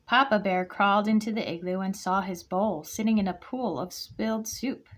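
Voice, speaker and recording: This woman's voice sits at medium pitch and moves at a moderate pace. Visiting a kindergarten class as a guest reader, she reads a picture book with plenty of expression, acting out what the characters say.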